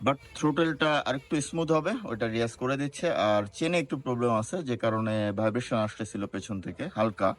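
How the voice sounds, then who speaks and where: A man's voice: medium pitch, quick pace, few pauses. A man from Bangladesh, a motorcycle vlogger, talking bluntly and plainly and mixing in English phrases. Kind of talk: casual vlog talk. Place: outdoors on a city street.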